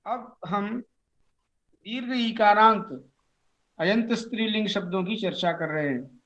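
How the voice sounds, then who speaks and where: A man with a high voice teaches Sanskrit grammar at an unhurried pace. He explains each rule and then recites the declined forms in measured, chanting lists. The recording sounds dull and lo-fi. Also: a bit bright. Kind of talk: slow explanatory lecture.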